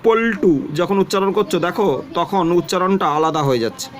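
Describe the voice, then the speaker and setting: A man's voice: sits high, expressive. Patient male teacher explaining grammar. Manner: explains slowly, repeats example words and definitions, often tells students to look. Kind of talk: Bengali grammar lesson for twelfth grade.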